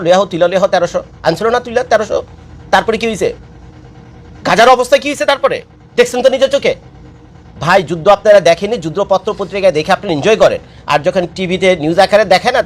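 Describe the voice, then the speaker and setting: Fast, high-voiced man lecturing. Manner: lecturing, scolding, repeats his points. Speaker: political commentator. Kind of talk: impassioned political monologue. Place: living abroad.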